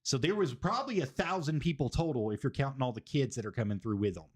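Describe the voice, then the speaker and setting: A man's voice: medium pitch, animated, fast. A man, hosting a casual wrestling review stream and rambling, repeating phrases for emphasis. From Tennessee, US. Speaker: stream host.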